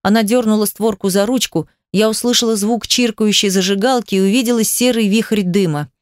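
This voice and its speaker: A woman narrator with a mid-range, fairly even voice reads a little fast in a dry, clean studio recording. It's scripted audiobook narration of a first-person story, delivered in an emotive, dramatic style.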